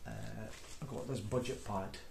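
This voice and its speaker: A low-voiced man with a broad Scottish accent talks casually and a bit haltingly, as in a homemade vlog. His voice has a clear creak to it. The room is audibly echoey around him. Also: fairly even intonation. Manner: rambling, hesitant, self-deprecating. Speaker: beginner painter making video diary. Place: indoor room at a table. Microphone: microphone, off camera. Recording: roomy echo, background noise, clicks.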